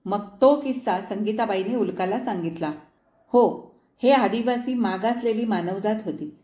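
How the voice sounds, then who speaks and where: A woman's voice: mid-range voice, normal speed, mellow. Woman reading a story in an echoey room. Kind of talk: read storybook narration. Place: studio.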